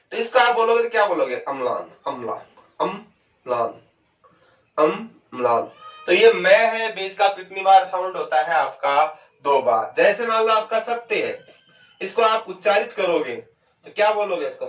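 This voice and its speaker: A man teaching Hindi grammar in a lecture. He asks questions and answers them himself, and he draws words out slowly to show how they sound. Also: high-pitched, lively intonation, a bit bright, recorded from a distance. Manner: stretches out words to show pronunciation. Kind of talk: classroom lecture. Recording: dull, echoey and off-mic.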